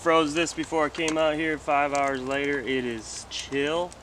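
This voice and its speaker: A young man talking casually to the camera on a solo camping trip in a forest, relaxed and chatty, thinking out loud. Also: fairly high pitch, measured pace, noisy background. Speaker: outdoor vlogger. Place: outdoors in a forest campsite. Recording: faint outdoor ambience behind.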